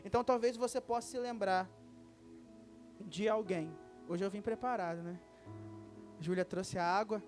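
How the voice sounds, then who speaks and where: A man with a Brazilian Portuguese accent preaching a sermon as pastor, lively and acting out short dialogues. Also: high voice, moderate pace, pauses often, faint music behind. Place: church service.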